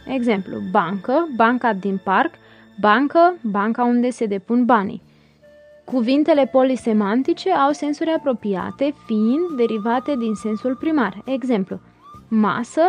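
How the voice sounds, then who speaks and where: A woman's voice: fairly high pitch, faint music behind. Woman reading a grammar lesson. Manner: reads word pairs in a slow list. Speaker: grammar teacher. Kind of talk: scripted grammar lesson narration.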